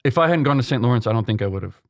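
A man's voice: mid-range voice, lively intonation, racing, no echo, clean studio sound. A young man from Texas, a seminarian, answering interview questions in an earnest way, with many ums and restarts. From Texas, USA. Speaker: seminarian guest. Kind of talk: conversational interview.

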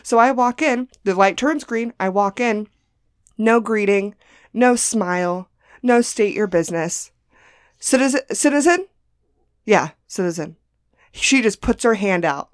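A woman comedian from the United States co-hosting a podcast, telling stories in a casual, animated way and acting out the people she quotes. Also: medium pitch, unhurried, smooth, dry recording, studio quality. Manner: animated storyteller, acts out quotes. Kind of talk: casual chat.

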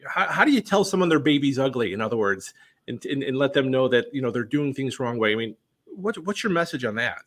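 A man's voice: mid-range voice, very animated, brisk. A man hosting an interview who asks long, rambling questions, often repeating words as he goes. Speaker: interview host.

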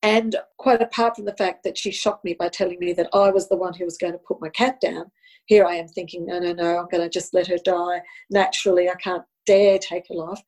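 A woman from Australia with an Italian connection shares a personal story as a guest, speaking earnestly and reflectively and often repeating words. Her fairly low, darkish voice keeps a steady tone at a brisk pace, and the recording is rough.

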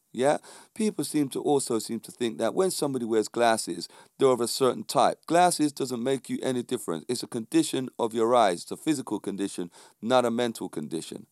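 A middle-aged fitness instructor from London, England, speaking with a London accent, gives an informal, emphatic motivational monologue to viewers, often checking in with short rhetorical questions. His mid-range voice is a little mellow, and the recording is dry with clean studio sound.

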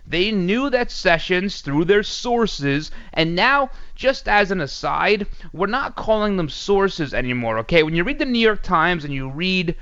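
A man's voice: sits high, big pitch swings, unhurried, hardly any pauses, a bit bright, smooth, dull audio. A man hosting a talk show with blunt, emphatic, conversational political commentary. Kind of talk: casual opinionated political commentary.

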